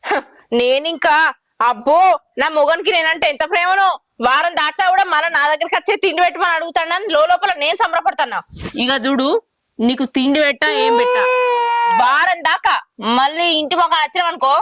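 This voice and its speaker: A woman plays a combative village wife, quick and biting. Her voice is high and fast, with a dry, close sound. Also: expressive, a bit bright, no room sound. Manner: combative, sarcastic. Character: defiant sharp-tongued village wife, one of two. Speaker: actor in a village comedy short.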